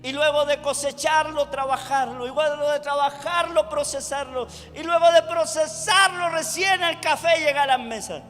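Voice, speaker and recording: High-voiced Chilean pastor preaching in a hall. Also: male voice, moderate pace, few pauses, faint music behind. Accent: Chilean Spanish. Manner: preaching to a congregation, rising to shouts. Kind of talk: sermon. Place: church hall.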